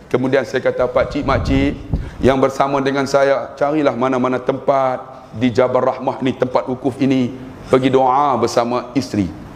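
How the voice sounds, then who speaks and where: A man's voice: medium pitch, slight background noise. A man with a Malaysian Malay accent preaching a sermon, telling stories animatedly and acting out prayers in a raised voice. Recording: long hall reverb.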